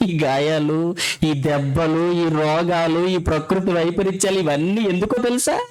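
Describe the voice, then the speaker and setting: A man preaching a sermon. He fires off rhetorical questions, repeats phrases for emphasis, and moves between quick explanation and slow, drawn-out scripture reading. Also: high voice, clean tone, poor audio.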